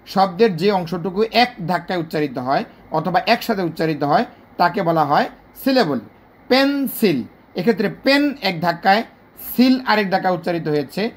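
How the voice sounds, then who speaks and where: Bangladeshi accent, teacher, video lesson, repetitive, slow sounding-out, mid pitch. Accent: Bangladeshi Bengali. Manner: patient and repetitive, drawing out example words slowly syllable by syllable. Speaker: English teacher.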